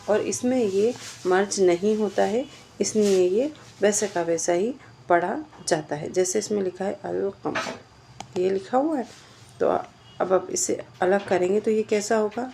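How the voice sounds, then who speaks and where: A woman's voice: medium pitch, gravelly, mellow, slight background noise. A woman teaching a grammar lesson, explaining step by step and asking questions that she then answers herself. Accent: Indian Urdu.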